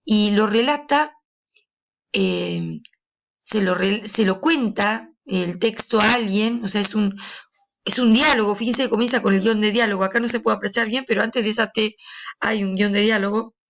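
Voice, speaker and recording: A woman giving a recorded literature lesson, explaining slowly with frequent pauses and hesitations. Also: medium pitch, animated, a bit bright. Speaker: literature teacher. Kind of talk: recorded lesson reading and commenting a story.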